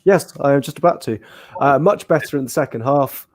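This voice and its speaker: With a brisk, medium-pitched voice and a Northern English accent, a man hosts a football podcast. He leads the casual football chat in an easygoing way.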